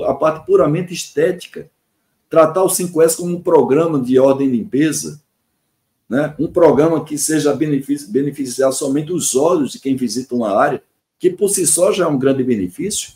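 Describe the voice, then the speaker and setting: As a podcast guest, a 62-year-old engineering consultant with a Brazilian accent explains what he does in a semi-formal interview answer. He speaks in a fairly high, slightly mellow voice, earnestly emphasizing ideas by repeating them and listing them out.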